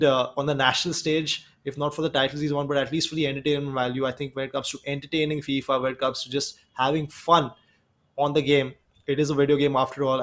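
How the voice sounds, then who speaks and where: A man with an Indian English accent adds color commentary to an esports football broadcast. His pitch sits mid-range and stays flat, and he talks in a measured, analytical way about the players.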